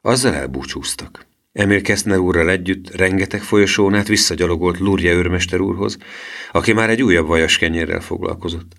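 A man narrating a children's storybook aloud in an expressive, lively way. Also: sits low, vocal fry. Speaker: audiobook narrator. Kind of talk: storybook reading.

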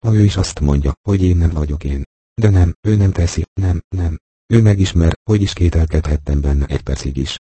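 A man reading an audiobook voices a fervent, impulsive soldier who pleads loudly to be recognized. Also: low-pitched, slightly rough, no echo. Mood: eager, pleading. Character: impulsive returning soldier, adult man, emotional.

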